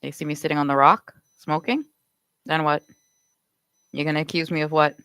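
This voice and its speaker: A woman's voice: deep voice, fairly even intonation, normal speed, sharp tone, clear, resonant tone, dry recording, poor audio. A Canadian woman live streaming, firing off accusatory rhetorical questions in a confrontational rant.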